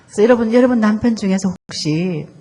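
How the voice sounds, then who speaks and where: A woman's voice: mid-range voice, expressive, quick pace, mellow. A woman co-leading a lecture on marriage, telling wry stories about her husband and asking rhetorical questions. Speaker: co-lecturer, speaker's wife. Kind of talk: lecture with personal anecdotes. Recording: reverberant hall.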